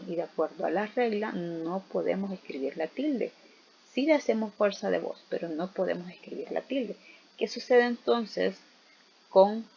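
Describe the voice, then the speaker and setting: A woman's voice: mid-range voice, gravelly. A woman teacher giving a recorded grammar lesson, explaining step by step and asking rhetorical questions as she goes. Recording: dull, slightly noisy recording.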